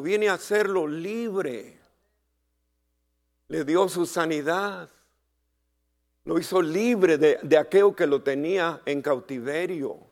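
Slow, dramatic male preacher. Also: a little high. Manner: slow, dramatic preaching with sudden shouted peaks; asks the congregation for responses. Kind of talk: sermon.

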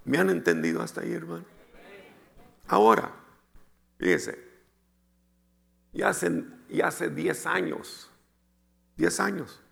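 A man gives a fervent testimony from the pulpit, his voice deeply gravelly and pitched a little high. He talks slowly, lingering on each phrase, and drops from loud outbursts to hushed near-whispers as he addresses his listeners as brother. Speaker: preacher giving a testimony. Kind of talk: emotional testimony sermon.

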